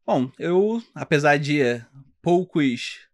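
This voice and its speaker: A doctor from Rio de Janeiro, Brazil, appears as a podcast guest in a casual interview, speaking with a Carioca Brazilian Portuguese accent. His voice is high and animated. He explains things patiently but haltingly, often restarting sentences and filling pauses with fillers.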